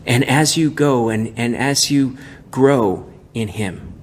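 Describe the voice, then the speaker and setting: A male pastor giving a gentle, prayerful devotional message with frequent restarts. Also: medium pitch, takes it slowly, a little hiss or hum. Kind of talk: devotional sermon.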